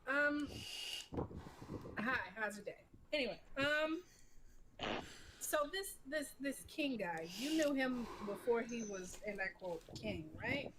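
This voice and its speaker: Sassy, lively-voiced woman player. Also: fairly high pitch, takes it slowly, background noise. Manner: sassy, blunt banter. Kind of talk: casual tabletop play.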